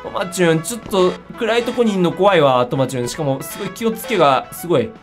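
A woman giving excitable commentary on a horror game, easily startled, often exclaiming and repeating her words. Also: fairly low pitch, fast talker. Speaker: game streamer. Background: music.

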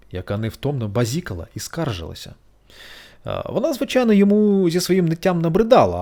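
A storyteller reading a bedtime fairy tale aloud in an expressive, sing-song manner. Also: mid-range voice.

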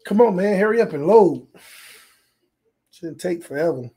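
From a small home room decorated with fan gear, a sports channel host streams casually while setting up a game, talking softly through a desk mic on a stand to spare his failing voice. His high voice is expressive, creaky and slightly rough at a moderate pace, and he reads chat aloud.

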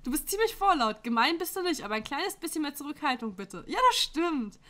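A woman's voice: high voice, sing-song, brisk, a bit bright. A young woman in casual chat at home, reading out an online quiz and answering bluntly with slang and frequent laughs. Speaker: YouTuber. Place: home room with window open. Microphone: desk microphone.

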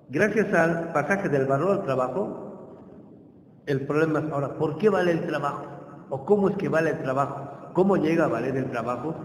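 A man lecturing a class in a casual, conversational way, always checking that his listeners follow. His voice sits fairly high for a man. It rings out with a long, roomy hall echo, over a faint hiss in the background. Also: a little mellow. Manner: checks on listeners with constant tag questions. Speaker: university lecturer. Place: lecture room.

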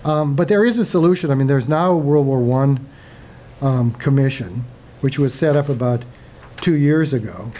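An older man gives a slide lecture in a hall, his voice mellow and unforced. He talks conversationally, stopping for fillers and restarting phrases as he goes. A faint hiss of room noise sits behind him. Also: medium pitch, normal speed.

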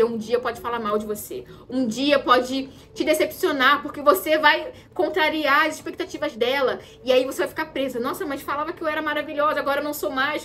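High-voiced Brazilian woman, emphatic mentor. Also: slight background noise. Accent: Brazilian Portuguese. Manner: emphatic, repeats key phrases, acts out quoted voices. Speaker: women's mentor. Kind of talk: motivational talk to camera.

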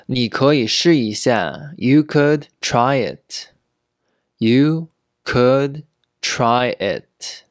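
This male English teacher, whose first language is Chinese, runs slow pronunciation drills in a medium-pitched voice. He repeats each word and sentence several times, slowly and deliberately, and the recording is dry and close-miked with no echo.

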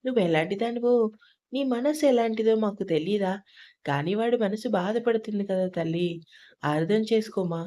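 A woman reading an audio story, voicing a kindly middle-aged mother-in-law who talks softly and affectionately and gently scolds. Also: medium pitch, normal speed, natural voice. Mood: gently scolding.

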